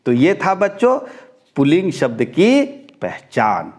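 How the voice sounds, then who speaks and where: A man teaching a grammar class at a very slow, careful pace. His voice is fairly high and swings up and down a lot. He reads word lists one at a time and quizzes his pupils as he goes. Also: huge pitch swings, a little mellow. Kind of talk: Hindi grammar lesson.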